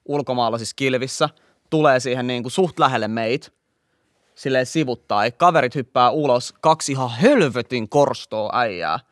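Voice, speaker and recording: A man's voice: mid-range voice, no room sound, studio quality. A young man with a Finnish accent, casually telling a story as a podcast host. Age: young adult. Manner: relaxed anecdotal storytelling.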